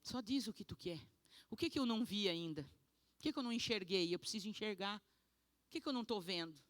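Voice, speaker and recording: A woman pastor from Brazil giving an animated, emotional testimony sermon. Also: medium pitch, fast, no room sound.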